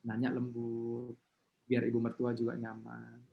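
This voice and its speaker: A man giving an online seminar talk as a motivational coach over a video call. He is animated and leads his audience in call-and-response. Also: medium pitch, unhurried, vocal fry, narrow, tinny audio.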